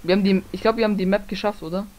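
This young Let's Play gamer races through her words in a steady, mid-range, slightly mellow voice while gaming with friends. She keeps things casual, poking fun at them, laughing frequently, and cursing a little.

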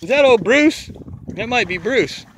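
A man's voice: very high voice, animated, fairly bright tone. A man running a fishing charter, joking and laughing as he coaches an angler on his boat out at sea. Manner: joking, laughs often, gives quick instructions. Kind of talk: casual coaching while fishing. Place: outdoors on a small open boat at sea. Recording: wind and boat noise on open water.

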